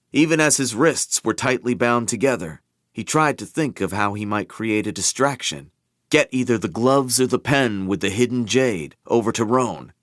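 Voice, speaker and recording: A man narrating an audiobook in an animated, tense storytelling manner. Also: lowish voice, no room sound, studio quality.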